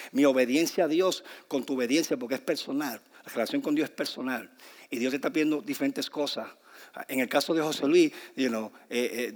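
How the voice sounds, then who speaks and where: A man from Rico, preaching a fervent sermon that swings between soft asides and loud bursts, with English fillers mixed in. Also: on the high side. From Puerto Rico. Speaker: pastor. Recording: long hall reverb.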